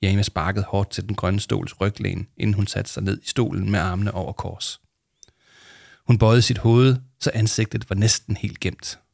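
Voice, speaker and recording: A man reads a children's storybook aloud at an even, measured pace. His low voice has a gravelly grain, recorded close and dry with no room around it. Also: no room sound.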